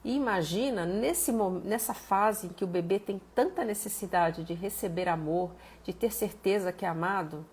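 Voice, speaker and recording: A woman's voice: medium pitch, normal speed, hardly any pauses, a little mellow, a little hiss or hum. A Brazilian woman therapist giving a live-streamed teaching talk, explaining step by step, greeting viewers by name and using homely examples. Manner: fond of diminutives, homely examples. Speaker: therapist and body analyst.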